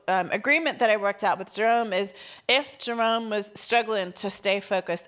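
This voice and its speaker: A woman speaks to a live audience in a keynote talk. She tells stories in an animated way and drops in playful asides. Her voice sits at an ordinary pitch for a woman. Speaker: keynote speaker and former teacher.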